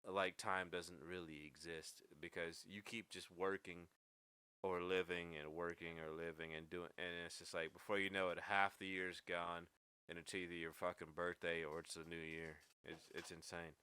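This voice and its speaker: Deep-voiced, laid-back man in his late twenties. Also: flat delivery, normal speed, bright, forceful tone, clear, resonant tone, no echo. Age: 20s. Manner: rambling, laid-back, swears often. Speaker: podcast host. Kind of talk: casual chat.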